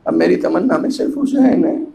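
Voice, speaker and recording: A man delivering a Muharram majlis sermon as a cleric, impassioned, chanting Arabic phrases slowly and swelling to loud cries. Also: sits high, expressive, gravelly.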